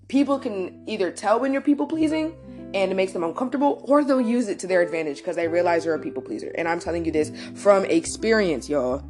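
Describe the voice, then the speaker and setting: A young adult woman hosting, telling a personal story in a casual, emphatic way and speaking straight to her listeners. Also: medium pitch. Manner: animated, emphatic, addresses listeners directly, swears. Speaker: host.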